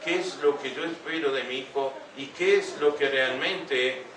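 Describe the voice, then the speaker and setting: A man's voice: mid-range voice, measured pace, fairly bright tone, slight background noise. An older man giving an earnest talk to a young audience, often asking rhetorical questions. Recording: echoey room heard from a distance.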